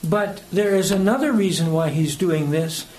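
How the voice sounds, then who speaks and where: Speaking at a moderate pace in a high-pitched, somewhat mellow voice, an older American preacher from the United States tells personal anecdotes in a rambling, hesitant, conversational sermon. He chuckles between phrases. The audio is poor, and background noise is clearly present.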